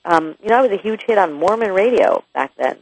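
A woman's voice: mid-range voice, animated, fairly quick, slightly rough, no room sound, low-quality recording. A woman author guesting on a radio interview, talking candidly and chattily with frequent restarts and asides.

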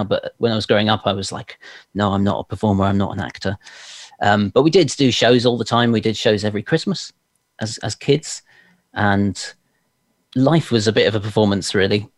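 His voice is lowish, captured in a dry, studio-quality recording. He's from London, England, speaking with a Received Pronunciation accent as a performance coach and performer interviewed in his home office. He gives conversational answers filled with anecdotes.

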